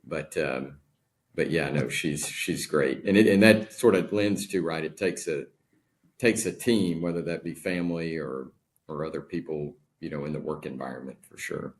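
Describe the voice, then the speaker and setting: A man in his forties speaking as a guest in a casual interview, in a measured, deliberate way. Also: a bass voice. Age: 40s. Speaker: podcast guest.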